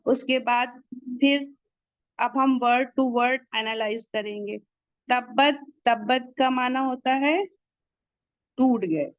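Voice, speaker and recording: A woman teaching the rules of Quran recitation, slowly sounding out each word and then explaining how to pronounce it. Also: a little high, steady tone, dry recording, lo-fi sound. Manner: slow, deliberate, drawn-out recitation of each word.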